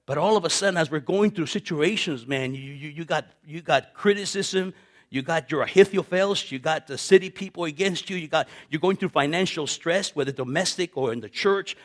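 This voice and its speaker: A pastor in his fifties delivers a sermon full of personal stories, his voice a little high and brisk. He's animated, repeating words, laughing often, and acting out the voices of other people.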